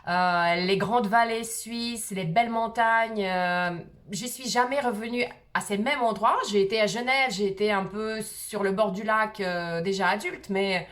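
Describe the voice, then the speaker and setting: This middle-aged Russian woman, a vlogger with a slight accent, tells a personal story to the camera. Her voice is medium-pitched, a little slow and somewhat bright, and she sounds hesitant, often filling gaps with "euh."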